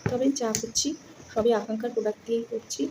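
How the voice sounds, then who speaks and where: A woman chatting casually in a home vlog, rambling and speaking softly because others are asleep. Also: a little high, little pitch movement, fast talker, noisy background. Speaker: vlogger.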